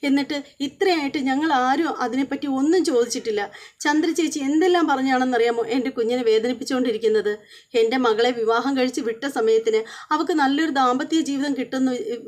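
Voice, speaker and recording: A woman's voice: high voice, natural voice. A woman voicing a poor middle-aged mother who pleads over her daughter's mistreatment. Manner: plaintive, pleading.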